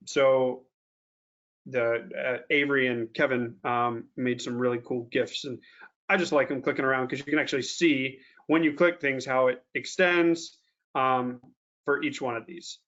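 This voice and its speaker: A man presenting a software tutorial webinar, talking casually with many fillers and slowing down to stress warnings. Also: mid-range voice, fairly even intonation. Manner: casual, lots of ums and restarts, slows down to stress warnings. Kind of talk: screen-share software tutorial. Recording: dull lo-fi webinar audio.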